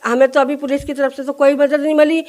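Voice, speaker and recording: A woman with a notably high voice speaks in a news interview. She tells her account earnestly and in detail, slipping into the voices of the people she quotes. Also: little pitch movement, fast talker, darkish tone, slight background noise. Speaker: interviewee, shopkeeper. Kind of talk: recounting events in an interview.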